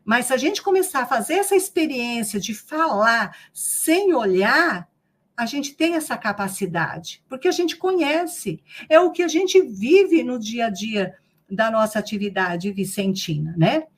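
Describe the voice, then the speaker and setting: A woman's voice: fairly high pitch, expressive, a little slow. Middle-aged brazilian lady teaching online, chatty, keeps asking if you're with her. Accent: Brazilian Portuguese. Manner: conversational, repeats herself, asks "né?" often. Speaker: lecturer and trainer. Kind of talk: live online training talk.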